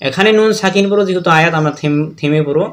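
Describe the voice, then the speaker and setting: A man with a Bangladeshi Bengali accent teaching Quran reading, spelling words out letter by letter and chanting the verses. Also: fairly high pitch. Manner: slow letter-by-letter drilling with sung recitation.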